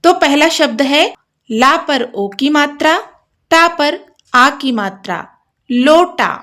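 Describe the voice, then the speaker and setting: A woman gives a careful lesson, sounding out each syllable in a measured, unhurried way. Her voice sits fairly high, and she lets every sound ring out before moving on. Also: animated, bright, forceful tone. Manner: slow, deliberate drilling of syllables. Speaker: Hindi teacher. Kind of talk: explanatory lesson, spelling out letters.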